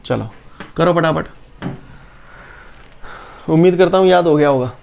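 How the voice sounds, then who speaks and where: A man's voice: fairly high pitch, measured pace, a little mellow, slight background noise. A man teaching a physics class, drilling formulas and checking over and over that students follow. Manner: coaxing, repeats "clear?", drills formulas aloud. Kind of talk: classroom lecture.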